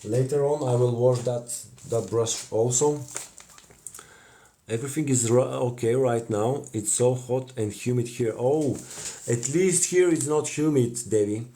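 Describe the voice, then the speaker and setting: A man in his thirties with a Bulgarian accent, chatting on a live stream from a cluttered home craft table. His voice is mellow and dark. He talks into a phone held close, thanks viewers warmly, and often pauses with "uh" while he paints. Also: medium pitch, slight background noise. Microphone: phone camera close in front.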